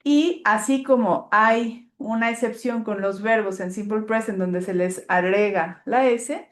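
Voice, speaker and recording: A woman teacher patiently explaining English grammar step by step, with a clear, teacherly manner and the odd "eh". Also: medium pitch, unhurried, echoey room.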